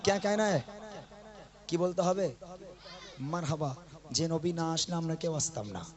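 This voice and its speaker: A man leading a live devotional gathering from the stage microphone, chatting between songs and coaxing the audience to chant louder. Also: a little high, moderate pace. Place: live outdoor or hall gathering at night with audience. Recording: live event with music behind. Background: music playing under the voice.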